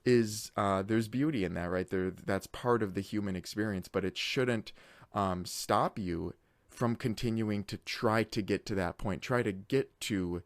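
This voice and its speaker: Guy thinking out loud on his channel, lowish voice, lots of ums, dry close sound. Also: no room sound. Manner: reflective, halting, many filler words and restarts. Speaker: YouTube host. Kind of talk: unscripted solo monologue.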